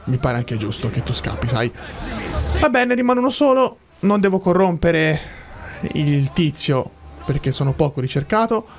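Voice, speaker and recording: A man's voice: fairly high pitch, big pitch swings, normal speed, gravelly, crowd noise. A man hosting a gaming video, commenting casually and thinking aloud to his viewers as he plays. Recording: loud game music behind.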